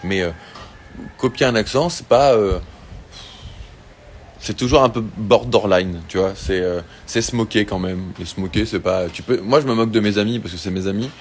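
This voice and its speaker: Casual man, low voice, chatty live-stream host reading fan questions, faint ambience behind. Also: moderate pace, a little hiss or hum. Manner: chatty, laid-back, with many fillers and restarts. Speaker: singer doing an Instagram live. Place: outdoors or open space in Tahiti. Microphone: phone.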